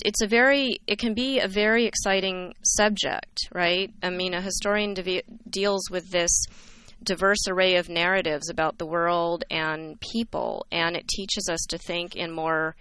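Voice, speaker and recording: Slow, bright-voiced Californian woman. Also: lowish voice, a little hiss or hum, poor audio. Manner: earnest, reflective. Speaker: history instructor, guest. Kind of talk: interview answers.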